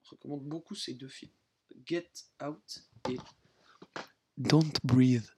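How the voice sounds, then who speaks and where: A man's voice: mid-range voice, fairly even intonation, slow, crowd noise. A young man co-hosting a casual chat, telling a story animatedly and laughing often. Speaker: podcast co-host.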